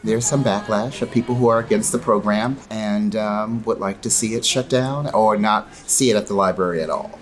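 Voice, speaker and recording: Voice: mid-range voice, moderate pace, few pauses. A person answering casually and wryly in a documentary interview.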